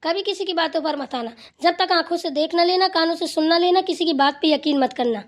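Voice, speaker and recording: Woman doing a bossy old granny in a cartoon, scolds and preaches, kinda high voice. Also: brisk. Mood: lecturing. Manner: scolding, then lecturing with advice. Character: stern wise old grandmother, scolding and preachy. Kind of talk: cartoon voice acting.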